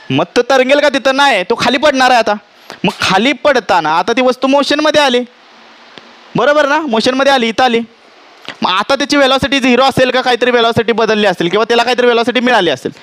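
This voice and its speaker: A man with a fairly high voice leads a physics lesson in a classroom. He keeps asking the students whether they understand, switches between his own language and English terms, and teases them in a playful way. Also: a bit bright. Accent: Marathi. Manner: questioning, checks understanding often; mixes English terms into Marathi. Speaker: teacher.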